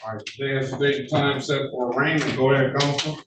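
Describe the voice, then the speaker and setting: A man presiding as a judge over court proceedings, brisk and procedural with chatty asides, heard in a courtroom recording. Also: mid-range voice, steady tone. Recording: echoey courtroom, distant mic, faint noise.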